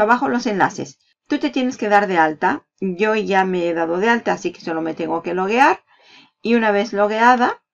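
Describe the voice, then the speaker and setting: Chatty woman guiding a tutorial. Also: mid-range voice. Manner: chatty, explains step by step with asides. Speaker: online marketing tutor. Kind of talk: screen-share tutorial. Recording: slightly dull lo-fi sound.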